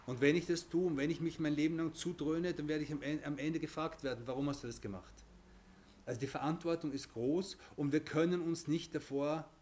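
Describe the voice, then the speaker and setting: A man's voice: a little high, steady tone, brisk, hardly any pauses, a little mellow, a little hiss or hum. A man teaching a religious lesson, explaining with everyday examples, often restarting and checking in with "okay?".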